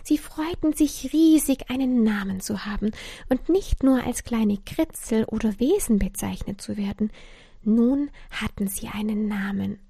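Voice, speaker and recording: Lady reading a bedtime story, breathy and quiet, a bit high. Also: measured pace, no room sound, clean studio sound. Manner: soft, often half-whispered.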